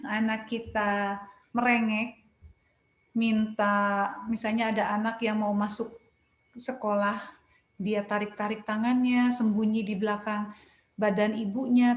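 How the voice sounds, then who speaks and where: A woman child psychologist giving parenting advice, patiently explaining step by step with everyday examples. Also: mid-range voice. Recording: roomy echo.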